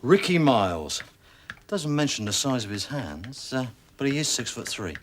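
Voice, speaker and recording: An actor playing a musing records officer. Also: male voice, mid-range voice, very animated, moderate pace, very noisy, natural voice. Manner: musing, thinking aloud. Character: helpful male officer searching records. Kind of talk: 1990s British TV police drama.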